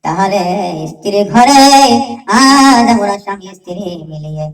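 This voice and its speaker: A man's voice: sits high, expressive, measured pace, a bit bright, soft background music, voice pushed down. A male preacher voicing an anxious old caliph, urgent and pleading, in an echoey hall with a distant mic.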